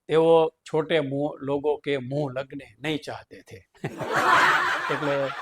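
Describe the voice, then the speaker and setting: Chuckling storyteller. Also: male voice, on the high side, noisy background. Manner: chuckles between sentences. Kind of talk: humorous folk storytelling.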